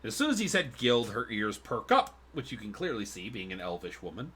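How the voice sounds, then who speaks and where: Bright-voiced man running a tabletop game. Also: mid-range voice, big pitch swings, brisk, a little hiss or hum. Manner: rambling, many fillers and restarts. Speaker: game master. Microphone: streaming mic.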